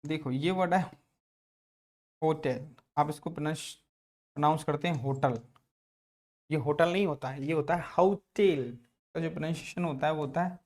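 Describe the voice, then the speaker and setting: A man with a Rajasthani accent teaching an English lesson, slowly repeating words and drawing out their pronunciation. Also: a little high, steady tone, darkish tone. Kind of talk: classroom lesson.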